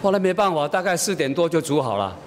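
A man's voice: big pitch swings, quick pace. Middle-aged male pastor telling a homely story. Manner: homely storytelling, acting out dialogue. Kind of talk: sermon illustrated with a family story. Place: church. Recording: reverberant church hall, faint rumble.

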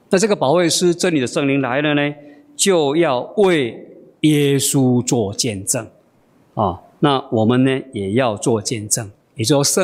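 A man preaching a sermon with expressive delivery and frequent drawn-out fillers. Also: medium pitch, long reverb tail.

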